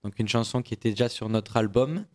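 A man, a band musician, talking about his group in a relaxed, chatty radio studio interview. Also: medium pitch, brisk. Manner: relaxed, chatty, loose with filler words.

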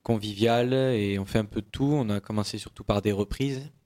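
A man's voice: on the low side, fairly even intonation, brisk, a little mellow. A man from a band chatting casually in a radio studio interview, rambling a little with restarts. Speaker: band member.

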